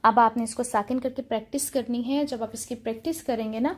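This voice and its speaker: A woman's voice: a little high, fairly even intonation. A woman teaching an online Quran recitation lesson, explaining patiently and repeating key points.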